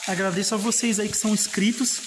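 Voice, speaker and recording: Brazilian explorer vlogger, echoing tunnel voice, fairly high-pitched, chatty with viewers, handheld camera. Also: male voice, fairly even intonation, fast, background noise. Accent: Brazilian Portuguese. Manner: chatty, repeats himself, calls viewers "pessoal". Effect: echo of a long dark rock tunnel. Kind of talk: casual walk-through commentary to viewers. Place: inside an old railway tunnel with dripping water. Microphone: handheld camera, front camera at times.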